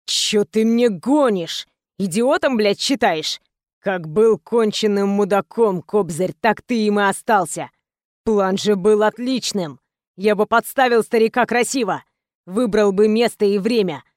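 A woman voicing a menacing, foul-mouthed male gangster in a low, threatening growl. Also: measured pace, no room sound, clean studio sound, close to an everyday voice. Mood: furious threat.

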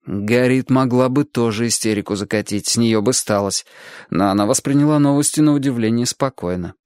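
A man narrating an audiobook in an expressive storytelling manner, giving each character a voice of their own. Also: mid-range voice, fairly quick, clean tone, no room sound, studio quality.

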